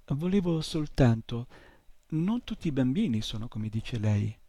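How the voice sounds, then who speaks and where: A man reading aloud and voicing a timid, softly spoken young boy in an audiobook. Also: mid-range voice, big pitch swings, unhurried, no room sound. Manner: quiet, hesitant.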